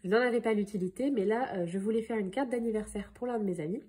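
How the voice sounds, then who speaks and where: Chatty woman with a husky, mellow voice. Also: medium pitch. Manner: chatty, many filler pauses. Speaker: scrapbooking vlogger. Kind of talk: casual haul video narration.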